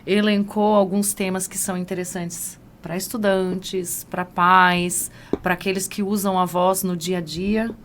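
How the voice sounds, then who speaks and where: Brazilian woman co-host, polite and welcoming, mid pitch, faint background noise. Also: little pitch movement, a little slow. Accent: Brazilian Portuguese. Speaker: podcast co-host. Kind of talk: casual podcast hosting.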